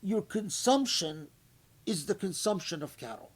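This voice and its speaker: A man giving an unscripted religious lecture, reflective and halting, often restarting his sentences and reciting short Arabic phrases before explaining them in English. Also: high voice, animated. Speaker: scholar giving Quran commentary.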